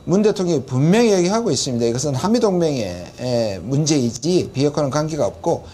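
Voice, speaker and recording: A man's voice: on the high side, animated, fast, mellow. A man, a professor giving a conversational on-site report and commentary in an explanatory, lightly self-mocking way. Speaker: professor acting as field correspondent.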